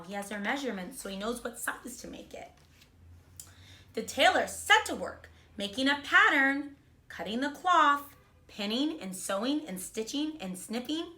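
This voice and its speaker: A woman reading a storybook aloud to young children in a kindergarten teacher voice, expressively and deliberately, explaining words simply as she goes. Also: fairly high pitch, sharp tone.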